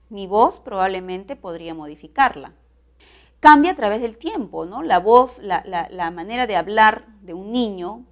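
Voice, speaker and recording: A woman teaching a recorded class, explaining step by step and often checking in with tag questions. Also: mid-range voice.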